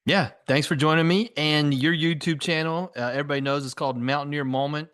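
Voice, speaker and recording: A man hosting a sports podcast, talking excitedly in a rambling, self-interrupting way and laughing often. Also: fairly high pitch, a little fast, clear, resonant tone, no echo, clean studio sound. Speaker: podcast host. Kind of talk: excited casual sports talk.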